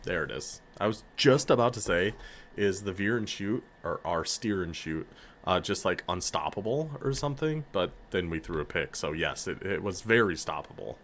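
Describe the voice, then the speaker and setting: Low-voiced excitable man commentating a game. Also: normal speed, slight background noise. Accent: American northern. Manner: excitable, hypes up players, laughs often. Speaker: gaming YouTuber.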